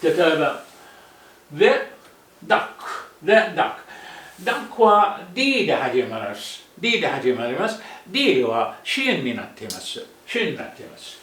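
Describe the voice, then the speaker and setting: A man with a fairly high voice teaches at a deliberately slow pace, going over each phrase several times and correcting himself as he goes. He sounds set back from the microphone in an echoey room. His first language is Arabic. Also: sing-song, fairly bright tone. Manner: repeats phrases slowly with self-corrections. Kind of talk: slow, repetitive language lesson, mixing English and Japanese. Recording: echoey room, voice far from the mic.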